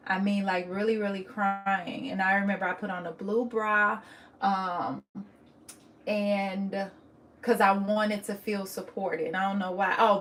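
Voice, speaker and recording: A woman's voice: medium pitch, slight background noise. A young woman telling a personal story on her vlog, emotional and candid, often restarting her sentences. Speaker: vlogger.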